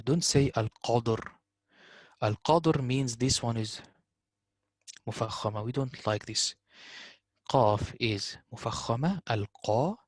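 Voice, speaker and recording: A man teaching a tajweed lesson, slowly repeating words to show correct pronunciation. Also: medium pitch, dry recording. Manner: explains slowly, repeating words in Arabic recitation. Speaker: Quran recitation teacher.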